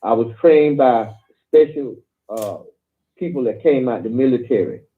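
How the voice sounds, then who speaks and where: Man, caller, tinny phone line, rambling, halting, fillers. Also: medium pitch. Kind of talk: phone-in talk.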